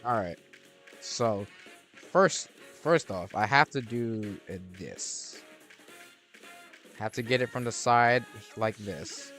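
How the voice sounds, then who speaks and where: A young gaming streamer chats casually while he plays, rambling with lots of restarts, fillers and trailing thoughts. His medium-pitched voice is expressive and a bit bright, and he speaks slowly with frequent pauses. Soft music plays in the background.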